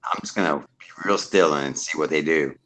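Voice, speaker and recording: A man's voice: rumbling low, moderate pace, fairly bright tone. A man playing a one-on-one tabletop game, giving short, plain replies to the game master. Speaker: player.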